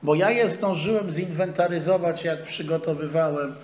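Older prof talking, kinda high voice, echoey room, muffled far camera sound. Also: male voice, darkish tone. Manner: measured, scholarly, digressive. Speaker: lecturer. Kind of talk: academic lecture. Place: small lecture room with a projector screen. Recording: echoey room, dull sound, faint hiss.

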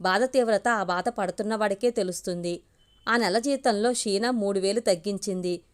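A woman reading a family story aloud as a steady storyteller. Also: mid-range voice, moderate pace. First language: Telugu.

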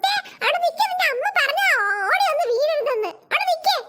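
Cartoon granny, old woman, nags and scolds, squeaky high voice, put on by a woman. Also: animated, fairly quick, a bit bright. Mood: scolding. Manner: nagging, sing-song scolding. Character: fussy scolding old grandmother, always hungry.

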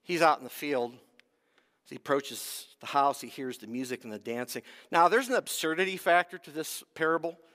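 An earnest male pastor preaches in a church sanctuary, building to emphatic peaks and then falling to near whispers. His voice is fairly high and bright, and a long reverb rings through the hall. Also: animated, moderate pace. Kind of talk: sermon.

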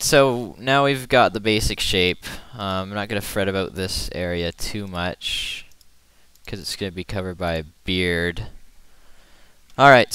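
Man, casual drawing commentary, self-deprecating and chatty, bright crisp voice, dry close sound. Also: deep voice, no room sound. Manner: rambling and self-deprecating, hums to himself while working. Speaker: artist narrating his drawing.

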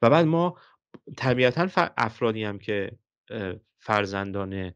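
A man's voice: fairly low pitch, animated, clear, resonant tone, highs cut off. A man in his thirties, a social psychologist, explaining ideas with examples in an interview, correcting himself as he goes.

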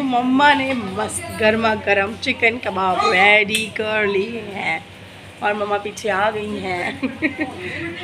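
A young woman chatting casually in a family vlog, affectionate and often laughing. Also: a little high. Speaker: vlogger.

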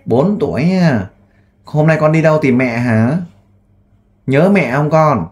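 A man who works as a volunteer interviewer. He asks gentle, coaxing questions and makes an earnest appeal with frequent fillers. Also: on the high side, animated, slow. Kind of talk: on-the-spot interview and appeal to camera.

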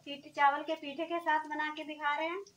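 Captured on distant phone audio full of sizzling, a woman's high-pitched, level voice comes across fairly quick and dull. She's a cooking vlogger casually talking through each step while cooking in a small village kitchen.

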